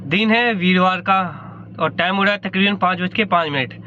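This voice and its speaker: A high-pitched man speaks at a normal pace on a recording with the top end cut off and slight hiss or hum. He's a ride-hailing driver casually vlogging from his car and a gas station, chatting, rambling and correcting himself, his throat a bit sore.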